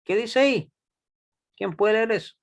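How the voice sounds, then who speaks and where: A man teaching a Hebrew class, patient and deliberate, often checking that students follow. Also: sits high. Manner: patient, checks understanding with frequent "¿ya?"; slow and deliberate, repeats words for students. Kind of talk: classroom lesson.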